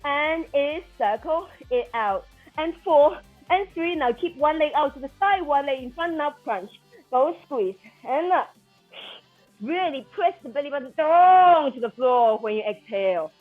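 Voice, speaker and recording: This aerobics instructor speaks in a high, animated voice at a measured pace, counting out exercises and calling commands for her floor workout class. She is motivating and encouraging, and the sound is dull lo-fi with music behind.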